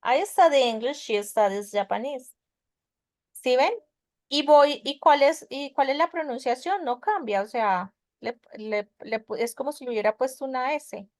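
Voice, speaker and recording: High-pitched and speaking at normal speed, a woman teaches an online English grammar class, heard in clean studio sound without room sound. She patiently explains each step and keeps checking in with her students through frequent questions.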